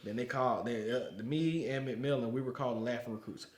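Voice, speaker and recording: A man's voice: medium pitch, a little fast. A man who served as a Marine, an interview guest telling stories casually and animatedly, laughing often. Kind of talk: casual storytelling. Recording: roomy echo.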